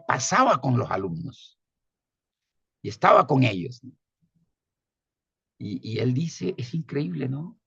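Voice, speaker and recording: A man's voice: mid-range voice, creaky, slightly rough. A man giving a conversational lecture as a former theology teacher, often ending his points with tag questions. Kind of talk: spoken lecture. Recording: dull lo-fi recording.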